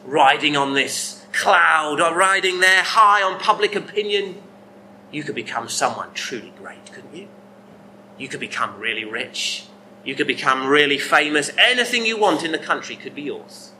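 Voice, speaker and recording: A man's voice: fairly high pitch, animated, normal speed, bright, forceful tone, slight background noise, rough recording. A man doing a sly whispering devil. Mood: coaxing. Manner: coaxing, wheedling.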